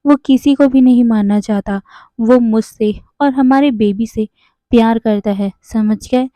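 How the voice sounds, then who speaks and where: A woman's voice: a little high, measured pace, dark tone, no room sound, natural voice. A woman reading a protective young man. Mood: insistent. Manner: plain reading voice, barely changed.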